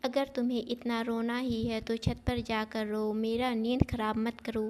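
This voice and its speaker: A cold, curt young husband, as a woman reads him in a storybook. The lines come out flat and even, with little melody. He gives blunt, commanding orders. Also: fairly high pitch, measured pace, close to an everyday voice. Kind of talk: storybook narration.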